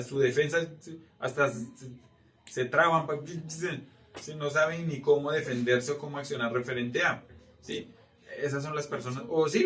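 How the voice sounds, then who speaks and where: A man's voice: fairly high pitch, fairly bright tone, reverberant, far from the mic. A man teaching scripture to a small congregation, often asking the listeners if they follow. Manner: asks the room for agreement often. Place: church meeting room.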